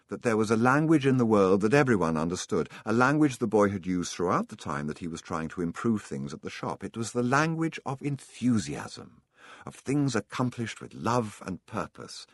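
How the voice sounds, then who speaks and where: A man narrates an audiobook in a calm storytelling manner. His very deep voice moves in a lively, expressive way. The recording is close and dry. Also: dry recording.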